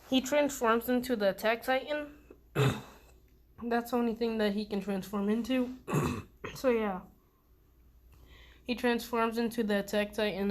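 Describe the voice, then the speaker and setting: A woman improvising a fan story casually, hesitating with ums and restarts. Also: mid-range voice.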